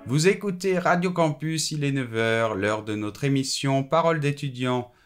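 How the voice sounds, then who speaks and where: A man's voice: medium pitch, expressive, normal speed, faint music behind, lightly acted. A man playing a chatty, self-mocking student radio host interviewing a guest in a scripted French lesson. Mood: upbeat. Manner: upbeat, friendly interviewer.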